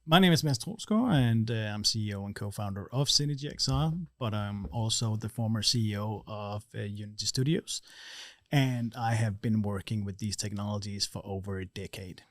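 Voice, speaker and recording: A man from Denmark answers as a studio guest, calm and measured, pausing on fillers as he thinks. His voice is a little low. The recording is close and dry. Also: dry recording. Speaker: guest, company CEO. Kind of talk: casual conversation. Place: company studio.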